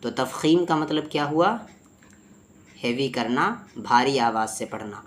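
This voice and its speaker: A man teaching tajweed. He explains letter sounds and recites slowly, phrase by phrase, for his student to repeat. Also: medium pitch, animated. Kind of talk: tajweed lesson with repeat-after-me drills.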